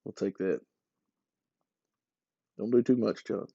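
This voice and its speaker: A man with a mellow, darkish voice chats through a hobby craft tutorial, joking at his own expense. The sound is dry and close with no room around it, and a little dull and lo-fi. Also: fairly low pitch, slow, vocal fry, breathy edge, no echo. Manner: self-deprecating, joking, chatty. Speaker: hobby lure carver. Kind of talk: casual voice-over tutorial.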